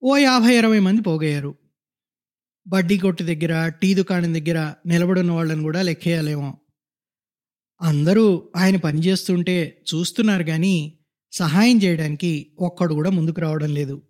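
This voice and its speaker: A man with a notably high voice narrates a literary short story. He reads in a measured, descriptive way and lets each scene unfold steadily. The tone is that of a scripted storytelling reading. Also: darkish tone.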